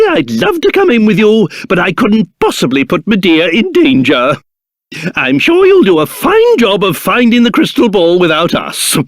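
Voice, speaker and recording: A man voicing a pompous, excitable old cursed king in a video game, with a British accent and old-fashioned, theatrical speech. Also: high voice, no echo, studio quality, heavily acted. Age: older. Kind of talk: video game character voice acting.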